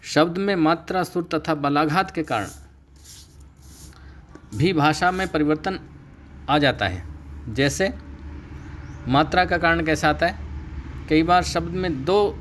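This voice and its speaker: A middle-aged man teaching a Sanskrit class, explaining steadily and slowing down to stress key terms. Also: fairly high pitch, a bit bright, a little hiss or hum. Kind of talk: recorded online lecture.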